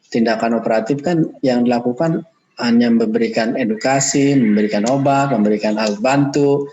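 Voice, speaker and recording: Male lecturer, mid-pitched, talking students through a class off the cuff, polite and explanatory. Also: poor audio. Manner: unscripted, addresses students politely as ladies and gentlemen. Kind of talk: online lecture.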